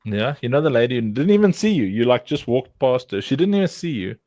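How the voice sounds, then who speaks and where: A man's voice: mid-range voice, very animated, fast talker, mellow, no echo. A man hosting a casual livestream chat, joking and teasing his guests and coaching them to repeat words. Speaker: livestream host.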